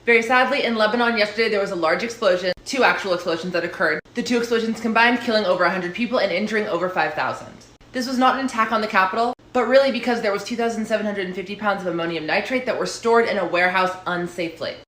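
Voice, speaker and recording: A woman's voice: mid-range voice, fast, hardly any pauses, fairly bright tone, a little hiss or hum. A young woman giving casual advice in reply to viewer questions, earnest, chatty and direct. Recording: roomy echo.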